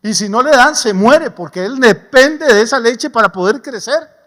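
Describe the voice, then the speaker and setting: Man, pastor's sermon, folksy and joking, high voice, long church reverb. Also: animated, moderate pace, fairly bright tone. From Costa Rica. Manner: folksy, humorous preaching with homely stories. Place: church sanctuary.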